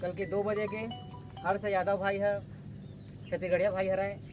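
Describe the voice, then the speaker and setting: A man's voice: sits high, flat delivery, moderate pace, music in the background. A man with a Chhattisgarhi accent announcing at an outdoor protest and calling supporters to join the sit-in. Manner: rallying, calls supporters to come. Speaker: protest organizer.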